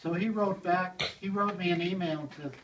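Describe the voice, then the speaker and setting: Recorded from across the room on a handheld camera, this older blacksmith has a slightly high voice and talks fairly quickly with fairly even intonation. He rambles through casual stories for a small group, chuckling along, amid background noise and a roomy, distant sound.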